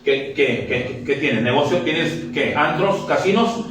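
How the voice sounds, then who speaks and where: Joking pastor in an echoey church. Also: male voice, a little high, lively intonation, a bit bright, far from the mic, slight background noise. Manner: joking, conversational, acts out quick dialogues. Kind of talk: lively sermon. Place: church sanctuary.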